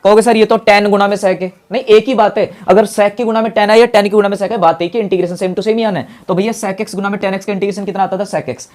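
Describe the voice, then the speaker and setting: Fast-talking male maths teacher. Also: high-pitched, steady tone, darkish tone. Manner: asks questions aloud and answers them himself; calls students brother in a friendly way. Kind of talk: classroom maths lesson.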